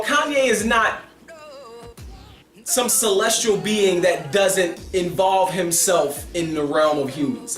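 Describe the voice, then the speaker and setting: High-pitched man in an echoey room. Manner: animated, emphatic, talks with his hands. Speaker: album reviewer. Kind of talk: casual commentary.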